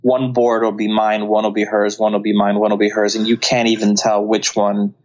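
A man's voice: on the low side, level tone, moderate pace, highs cut off. A man from Colombia, a filmmaker guest in an interview, talking earnestly and often restarting his sentences. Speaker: guest, CGI artist and filmmaker. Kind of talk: casual interview talk.

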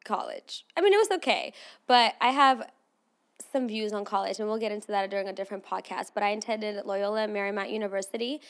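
A woman in her twenties hosts her own podcast, talking solo in a casual, chatty way with frequent asides to her listeners. Born in Armenia, she speaks English as her third language, in a brisk, mid-range voice.

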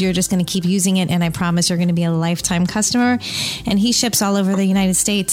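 A female podcast host with a medium-pitched voice. She talks casually and effusively, in a chatty interview style. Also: a little mellow.

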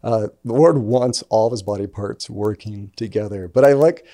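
Brief: male co-host, warm mellow tone, easygoing and affirming. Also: fairly low pitch, moderate pace. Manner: relaxed, conversational, affirming. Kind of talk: casual podcast discussion.

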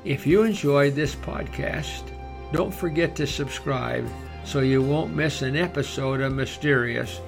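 A man with a gravelly, mid-pitched voice narrates in the manner of a nature documentary. His delivery is measured and formal, clearly read from a script, with music playing behind him. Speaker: podcast narrator and host.

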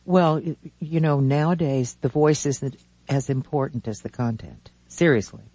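A man in his seventies hosting a radio talk show from a studio, chatting casually in a rambling, halting way with many restarts. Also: medium pitch, warm tone, dry recording.

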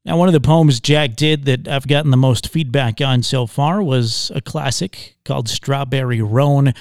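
A man's voice: mid-range voice, normal speed, no room sound. Dry-sounding man hosting a podcast. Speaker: podcast host. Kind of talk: podcast introduction, informal presenting.

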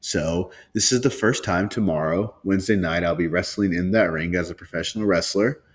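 Young male podcast co-host, deep low voice, relaxed casual chatter with restarts. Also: a little fast, husky. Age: 20s. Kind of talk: casual sports chat.

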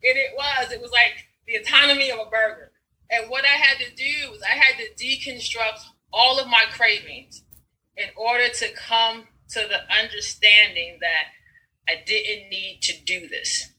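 A woman telling personal stories in casual conversation, animated, acting out scenes and swearing freely. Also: on the high side, normal speed, poor audio. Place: Brooklyn.

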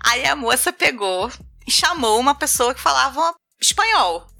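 A woman's voice: high voice, moderate pace, gravelly. A Brazilian woman with a Brazilian Portuguese accent, telling funny travel stories in a casual chat, acting out the people she quotes. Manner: animated, acts out voices and laughs while telling stories. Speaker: guest.

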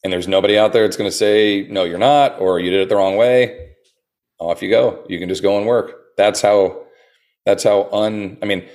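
A man who works as a personal trainer, talking earnestly in a casual interview and telling animated stories with many restarts. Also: on the low side. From United States.

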